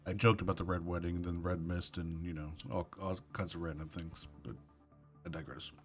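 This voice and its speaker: Deep-voiced man playing in a tabletop game. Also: steady tone, normal speed, faint music behind. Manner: rambling, laughs easily. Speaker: player. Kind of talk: casual tabletop play.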